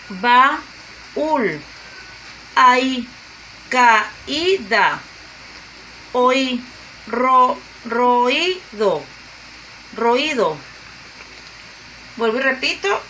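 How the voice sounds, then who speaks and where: A woman teacher, explaining grammar to young pupils slowly and deliberately, repeating her examples. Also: on the high side, sharp tone, a little hiss or hum, low-quality recording. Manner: slow and deliberate, repeating and spelling out examples with fillers. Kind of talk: slow grade-school grammar lesson.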